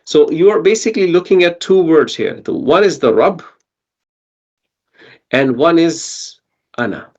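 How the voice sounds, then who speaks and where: A man's voice: on the high side, animated, unhurried, long pauses, darkish tone, lo-fi sound. A man teaching a Quranic Arabic grammar lesson online, patiently asking his students questions and checking in with them.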